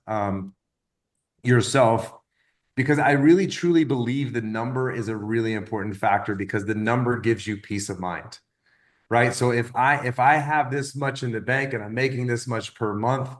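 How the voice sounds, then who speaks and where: A man in his fifties talking through goals in a loose, rambling coaching chat. His voice sits at a middling pitch. He repeats words as he works through his thoughts, and he drifts into animated little stories. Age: 50s. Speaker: wellness business coach. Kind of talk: casual motivational talk.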